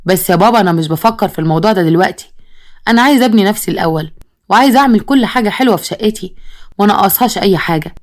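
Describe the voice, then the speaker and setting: A woman's voice: mid-range voice, racing, close to an everyday voice. A woman with an Egyptian accent voicing an earnest, dutiful young son talking with his father. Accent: Egyptian Arabic. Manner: earnest, compliant.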